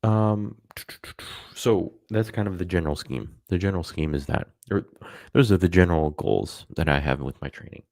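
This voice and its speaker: A man's voice: sits low, moderate pace, gravelly, darkish tone, no room sound, clean studio sound. A man talking casually on a live stream, rambling with many fillers and self-corrections.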